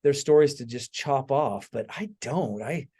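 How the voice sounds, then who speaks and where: This podcast host and author has a mid-range, mellow, husky voice with lively intonation, and he doesn't hurry. In casual conversation he tells stories, adding emphatic asides and frequently checking in with his listener.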